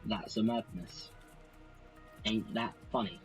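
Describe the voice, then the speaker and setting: A man's voice: on the low side, fairly even intonation, takes it slowly, faint music behind, poor audio. A man casually narrating a wrestling management game, rambling and self-deprecating as he goes. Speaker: let's play host.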